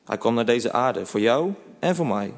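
A man voicing a kind, caring churchgoing woman in a children's storybook reading, his voice raised and soft. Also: medium pitch, animated, moderate pace, vocal fry. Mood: kindly. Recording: long reverb.

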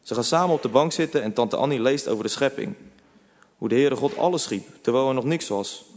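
Male narrator for a children's storybook, gentle and calm, middle pitch, long reverb. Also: a little fast.

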